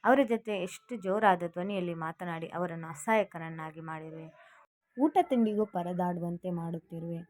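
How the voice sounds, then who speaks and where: A woman's voice: fairly low pitch, normal speed, a little mellow, lightly acted. A woman voicing an elderly mother who scolds her grown daughter firmly. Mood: scolding. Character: elderly mother, stern and proud.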